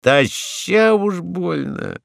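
A man doing a gruff dismissive fireman. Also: high-pitched, expressive, very slow, dry recording, clean studio sound, voice pushed up, full character voice.

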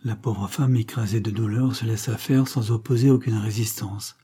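A man's voice: fairly low pitch, steady tone, moderate pace, mellow, husky. A man narrating an audiobook as a dramatic scripted reading.

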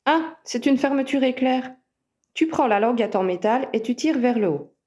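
A woman's voice: high-pitched, animated, normal speed, a little mellow. A woman voicing teasing young wizard Harry. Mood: cheerful. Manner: teasing, cheerful insistence.

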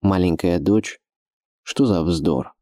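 A man voicing a desperate hunted young fugitive in an audiobook, speaking low, hoarse and menacing. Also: slow, dark tone, no room sound, studio quality. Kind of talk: audiobook character voice.

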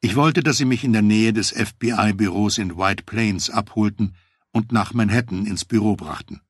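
Male audiobook narrator for a true-crime memoir; husky, lowish voice, dry close recording, measured delivery. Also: no echo. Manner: measured, matter-of-fact first-person telling.

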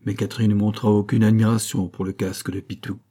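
A man narrating a classic novel as an audiobook, with a measured, literary reading. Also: fairly low pitch, flat delivery, dark tone. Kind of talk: scripted narration.

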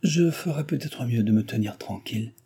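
A man's voice: mid-range voice, lively intonation, moderate pace, gravelly, dark tone, slightly rough. A man reading an audiobook who voices a shaken young heiress speaking with forced composure. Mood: forced calm.

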